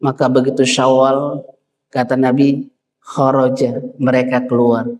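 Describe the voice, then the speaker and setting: A man preaching a sermon, animated and lively, often jumping high in pitch to act out what others say. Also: a little slow, a little hiss or hum. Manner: animated, leaps high when quoting and acting out figures. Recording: long hall reverb.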